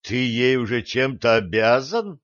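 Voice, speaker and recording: Guy doing a steady captain type, calm and bossy, dry close audio. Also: mid-range voice, a little slow, no room sound, highs cut off. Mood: firm. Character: calm authoritative male ship captain.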